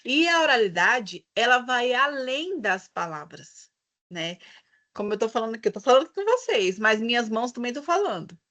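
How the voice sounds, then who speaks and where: Brazilian woman, teacher trainer, bright voice, fairly high, expressive. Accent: Brazilian Portuguese. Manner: lively, expressive, drawn-out emphasis. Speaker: teacher trainer leading a workshop. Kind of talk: online training session.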